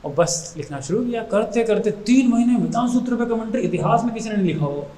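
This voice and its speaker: A man with a high voice gives a devotional talk and tells stories with energy. He often slips into English phrases as he speaks. His voice rings around a roomy, echoing space. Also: quick pace. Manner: lively storytelling, switching often into English phrases. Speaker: spiritual speaker.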